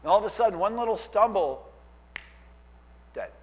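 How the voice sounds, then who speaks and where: A man preaching a sermon as pastor, animated and acting out quoted voices. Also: high voice, moderate pace, highs cut off.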